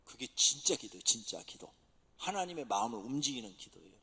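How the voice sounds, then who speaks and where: A pastor preaching a dramatic sermon, swinging from loud exhortation to near-whisper, recorded in a church sanctuary. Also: male voice, medium pitch, sing-song, quick pace, husky. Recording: long church hall reverb.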